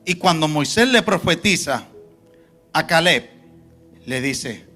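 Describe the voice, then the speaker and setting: A male pastor preaching a sermon in a church, shifting between soft low asides and loud emphatic lines. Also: animated, slow, soft background music. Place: church sanctuary.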